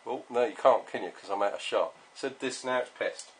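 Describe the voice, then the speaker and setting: A British-accented repair instructor with a medium-pitched voice leads a casual hands-on tutorial. He spells out every step slowly and repetitively, in a patronizing manner.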